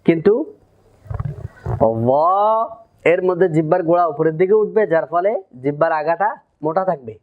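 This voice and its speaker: A man's voice: fairly high pitch, fairly even intonation. Man teaching Quran pronunciation, lo-fi sound. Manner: explains step by step, drills letter sounds slowly.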